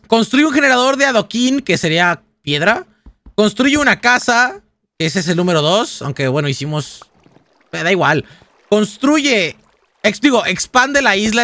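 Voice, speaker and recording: A young man giving chatty, excitable gameplay commentary to his viewers. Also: sits high, no room sound. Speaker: gaming youtuber.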